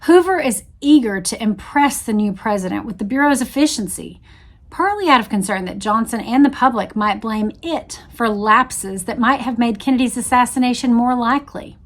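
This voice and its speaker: A woman's voice: a little high, animated, moderate pace. Woman reading and explaining history. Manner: reading aloud and explaining footnotes. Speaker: host. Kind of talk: history book discussion.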